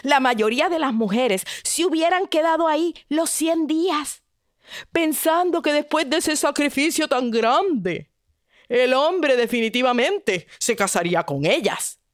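A woman storyteller who slows down for drama and speaks straight to her listener with advice. Her voice sits somewhat high, and the recording is dry and close. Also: dry recording. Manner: expressive, addresses listener directly.

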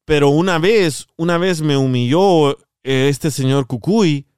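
A man hosting a podcast, telling stories in a lively way and repeating words for emphasis. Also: fairly high pitch, measured pace, smooth, no echo, studio quality. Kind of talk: casual storytelling chat.

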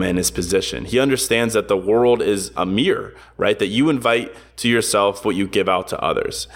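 A low-pitched man talks through a motivational idea in an earnest, conversational way. He speaks as a podcast host and often checks in with "you know" and "right.". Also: fairly bright tone. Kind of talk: reflective motivational monologue.

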